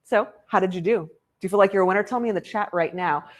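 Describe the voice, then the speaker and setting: A woman hosting a virtual fundraiser banquet over a video call, gushing and playful with quick asides. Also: medium pitch. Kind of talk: upbeat emcee patter.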